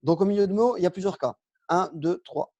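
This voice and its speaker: A man teaching a relaxed lesson, patient and step by step, with frequent fillers and self-corrections. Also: high-pitched, fairly quick, dry recording, lo-fi sound. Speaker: Arabic teacher. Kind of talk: casual lesson on Arabic spelling.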